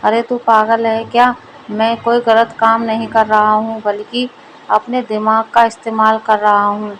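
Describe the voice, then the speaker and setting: Woman doing a greedy village farmer man, boastful and pleading, rather soft, fairly high. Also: completely flat delivery, a little slow, a little hiss or hum, low-quality recording.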